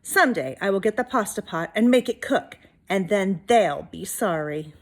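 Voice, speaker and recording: A woman's voice: mid-range voice, lively intonation, normal speed. A woman reading a storybook as an eager, simple-minded young man who speaks emphatically. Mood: defiant, scheming.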